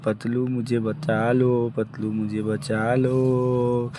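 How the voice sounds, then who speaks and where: A man voicing a chubby, excitable adult cartoon buddy in an amateur cartoon dub, exclaiming and repeating his lines. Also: medium pitch, extremely slow, noisy background. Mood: excited.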